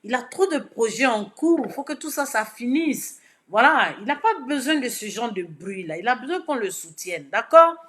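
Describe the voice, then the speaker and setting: Ivorian woman talking to camera, kinda high and really bright, goes loud then soft, says stuff twice. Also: lively intonation, moderate pace. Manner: swings from shouting to low, soft advice; repeats words for emphasis. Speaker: political social media commentator. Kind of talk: direct-to-camera message.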